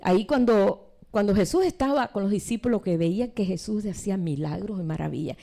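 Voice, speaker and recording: Warm-voiced woman preaching with lively quotes. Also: a little fast, creaky. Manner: acts out quoted voices with sharp pitch swings. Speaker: seminar preacher. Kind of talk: sermon teaching.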